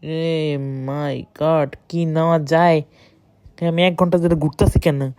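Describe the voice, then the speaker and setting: A woman gives excited, boastful running commentary while playing a shooter game, speaking close to the mic. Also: low-pitched, a little slow, dry recording. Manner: excited, boastful self-talk. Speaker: gamer streamer. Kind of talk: live gameplay commentary.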